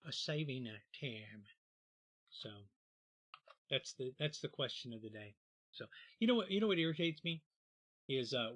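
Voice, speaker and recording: A middle-aged man hosting a comedy livestream, rambling to himself and trailing off softly between bits. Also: mid-range voice. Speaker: podcast host. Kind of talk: casual livestream chat.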